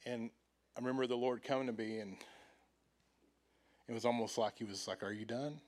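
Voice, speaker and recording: A middle-aged man, a pastor preaching a sermon in church, animated and acting out quoted voices with swings in loudness. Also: mid-range voice, normal speed.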